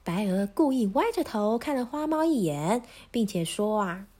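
A woman teacher reading a children's story aloud in a gentle, clearly paced way. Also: mid-range voice, big pitch swings, normal speed.

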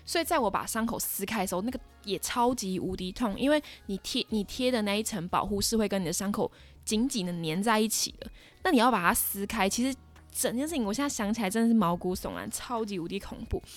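Soft music runs under this animated, fast-talking woman as she hosts her podcast. In her twenties, with a mid-range voice and a Taiwanese Mandarin accent, she shares a personal tale in a casual monologue, exclaiming dramatically and using many fillers.

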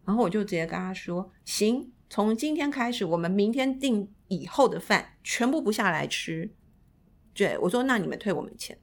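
A woman's voice: mid-range voice, gravelly. A woman from Taiwan, a guest arts administrator telling a story animatedly and acting out the people in it. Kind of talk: casual podcast storytelling.

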